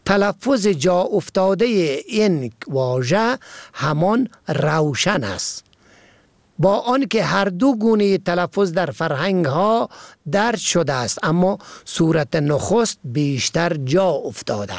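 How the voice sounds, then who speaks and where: A man reads a vocabulary and usage lesson, measured and precise, spelling words out letter by letter. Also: sits high, lively intonation, dry recording, clean studio sound. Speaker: language teacher.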